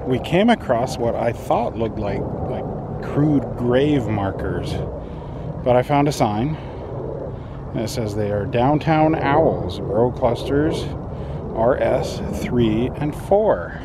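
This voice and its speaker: Slow-talking man on an outdoor walk. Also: medium pitch. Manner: relaxed, chatty running commentary while walking dogs. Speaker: vlogger. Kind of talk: casual walking vlog. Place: outdoors on a desert riverside trail. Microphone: handheld camera at arm's length. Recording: outdoor traffic noise. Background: outdoor ambience with distant traffic.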